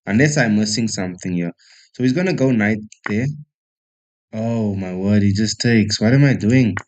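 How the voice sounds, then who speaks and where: Streaming a chess game, this man from South Africa has a lowish, darkish voice and talks at a normal speed. His casual commentary mixes thinking aloud with self-deprecating chat aimed at his viewers.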